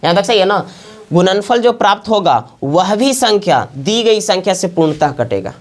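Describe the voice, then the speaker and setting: A woman's voice: mid-range voice, sing-song, normal speed. A woman teaching math to a class at the board, often asking the students to check along. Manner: asks the class constant check questions.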